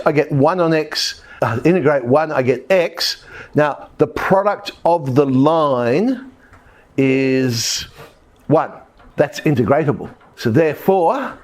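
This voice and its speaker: Man explaining maths step by step. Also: a little high. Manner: steady step-by-step explaining, thinking aloud. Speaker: maths teacher. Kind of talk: recorded maths lesson at a board.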